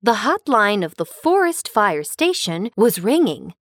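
A woman narrating a scripted children's cartoon story with a bright storytelling lilt. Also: medium pitch, big pitch swings, a little slow, no room sound, clean studio sound.

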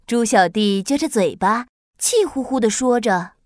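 Woman storyteller, kids' tale, lively sing-song voice, dry close sound. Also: on the high side, unhurried, dry recording. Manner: lilting, expressive storytelling. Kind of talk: children's story narration.

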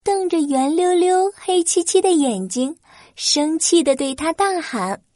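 A woman's voice: very high-pitched, lively intonation, unhurried, dark tone, no echo, studio quality. A woman reading a scripted children's story as its narrator.

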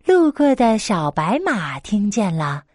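A woman narrating a bedtime story, gentle and expressive. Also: medium pitch, slow pace, no room sound, studio quality.

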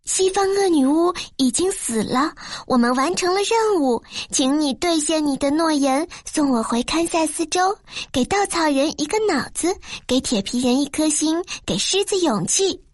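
Woman narrator doing a determined storybook girl, high-pitched, firm. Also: animated, moderate pace, no room sound, clean studio sound. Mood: insistent. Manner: firm and insistent. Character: brave determined young girl. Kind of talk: storybook reading.

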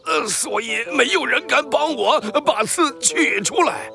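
An actor voicing a huge grumpy fire-breathing dragon for a children's audio story, with gravelly, rumbling growls and groans. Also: lively intonation, unhurried, music in the background, full character voice. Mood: pained, whining.

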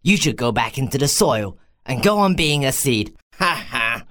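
A woman's voice: very deep voice, sing-song, normal speed, fairly bright tone, dry recording, pitched below the performer's own voice, exaggerated voice. A woman voicing a cold, scornful winter wind in a storybook reading, taunting and laughing. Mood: mocking.

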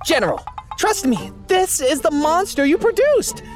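A woman voicing a giggly dog sidekick, very high. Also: very animated, normal speed, over music. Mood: explaining. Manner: giggly, eager.

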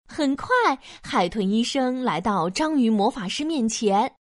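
A woman narrating a scripted children's story in an expressive storytelling manner. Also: fairly high pitch, unhurried, dry recording, studio quality.

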